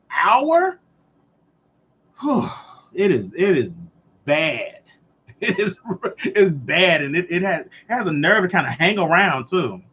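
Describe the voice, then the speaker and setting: A man in his late thirties hosts a casual live chat, chatting loosely and answering viewers as he goes. His voice sits high, with a bright, forceful, husky tone. The livestream audio is dull and lo-fi.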